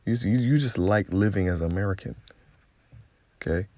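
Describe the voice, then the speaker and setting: Gravelly low-voiced man preaching a rant. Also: normal speed, a little mellow, dry recording. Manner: confrontational, profane, repeats "okay?". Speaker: religious commentator.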